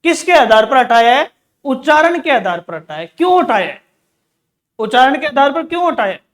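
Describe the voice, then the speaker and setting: Guy with a high voice teaching grammar for exam prep, keeps asking then answering himself. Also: big pitch swings, fairly quick, fairly bright tone. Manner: repeats key words, asks and answers own questions. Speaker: Hindi teacher.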